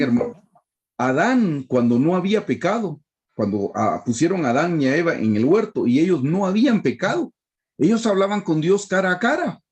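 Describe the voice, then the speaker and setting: Male Bible study preacher on a video call, emphatic delivery, wide-ranging pitch, mellow tone. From Guatemala. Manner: emphatic, repeatedly addresses listeners as brothers. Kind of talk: sermon-style Bible teaching.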